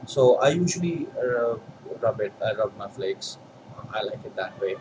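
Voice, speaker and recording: A man with an Indian accent chatting casually as a vlog host, in a halting, hesitant way with pauses and repeats. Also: lowish voice, lively intonation, noisy background. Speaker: video host, pipe and cigar hobbyist.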